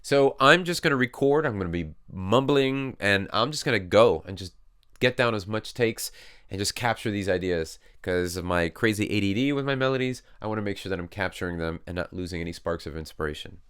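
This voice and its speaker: A music producer talks casually through his process as he works, relaxed and explaining each step in a tutorial style. His voice is fairly low and clean in tone, at a fairly quick pace.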